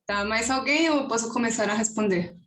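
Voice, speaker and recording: A woman with a Colombian accent and a high, bright voice answers questions on an online academic panel. She is a native Spanish speaker and hesitates, hunting for the right word and often adding a questioning tag. Her video-call sound carries a noticeable room echo. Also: a little fast. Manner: hesitant, searching for words, many tag questions. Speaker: conference presenter.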